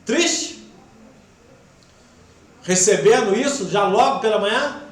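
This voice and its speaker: A man giving a devotional spiritist talk with a Brazilian Portuguese accent, emotional, swinging between loud urging and soft, hushed passages. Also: sits high, animated, takes it slowly. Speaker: spiritist lecturer. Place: spiritist center hall. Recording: echoey hall with faint background noise.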